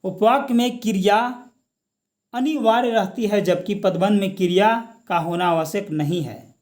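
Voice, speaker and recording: A high-voiced man with a darkish tone delivers an exam-prep grammar lecture over slides, explaining slowly and patiently. He asks questions and answers them himself, sprinkling English words into his Hindi.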